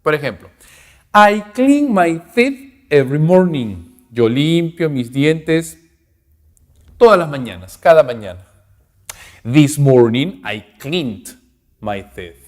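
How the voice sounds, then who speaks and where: A man's voice: a little high, big pitch swings. Man teaching grammar in an echoing room. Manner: explains slowly, checking with "ok?" after each point. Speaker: English teacher. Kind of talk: recorded grammar lesson.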